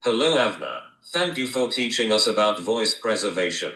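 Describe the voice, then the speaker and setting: A man's voice: lowish voice, normal speed. Synthetic male text-to-speech voice, distant and echoey. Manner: flat, even computer-read delivery. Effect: generic synthetic text-to-speech voice. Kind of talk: device demo playback. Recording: echoey device speaker heard from a distance.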